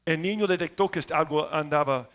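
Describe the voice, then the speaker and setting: A man preaching a sermon as pastor, telling stories and swinging between loud emphasis and quiet asides. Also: fairly high pitch, brisk.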